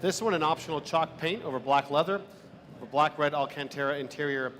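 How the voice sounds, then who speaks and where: A man's voice: fairly high pitch, fairly even intonation, a little fast, fairly bright tone. A man announcing auction lots, formally reading out specifications. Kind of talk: formal spec read-out. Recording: faint background noise.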